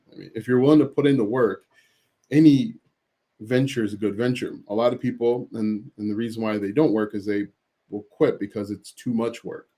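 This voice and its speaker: Mellow-voiced man hosting a live Q&A. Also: lowish voice. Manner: reads viewer questions aloud, hesitant fillers and restarts. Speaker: host answering live chat questions. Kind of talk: casual livestream Q&A.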